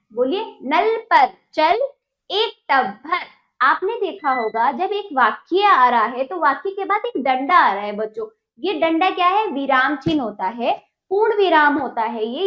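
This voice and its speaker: A woman teacher leading a children's reading lesson, saying each word slowly and clearly and repeating it. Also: high voice. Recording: echoey, dull lo-fi room recording.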